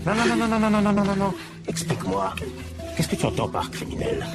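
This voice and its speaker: An actor playing a gruff, scornful man who interrogates sharply, in a dubbed film. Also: high-pitched, sing-song, fairly quick. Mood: interrogating. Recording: film soundtrack with loud music.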